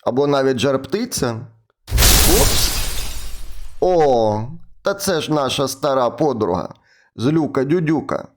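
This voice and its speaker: A man's voice: medium pitch, lively intonation, slow pace, long pauses, background noise. A man teaching English words to preschool children, speaking patiently and drawing out words in repetition drills. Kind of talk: children's lesson narration.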